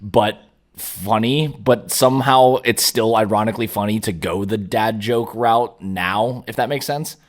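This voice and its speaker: A young man hosting a podcast, chatting casually and telling stories with an animated, self-amused manner. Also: lowish voice, a little slow. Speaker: podcast host. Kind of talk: casual chat.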